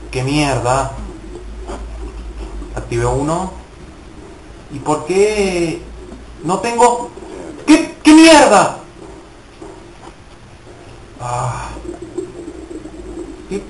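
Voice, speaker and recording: A man's voice: mid-range voice, lively intonation, slow pace, long pauses, darkish tone, roomy sound, slight background noise, rough recording. A young man casually commenting on his gameplay, swearing and mocking himself in frustrated outbursts. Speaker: gaming video host.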